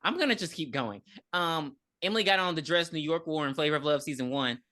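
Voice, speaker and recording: A woman's voice: deep voice, fast talker. A woman in her thirties recapping a movie in casual, profane podcast chat, acting out the characters' lines as she goes. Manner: animated storytelling with acted-out quotes.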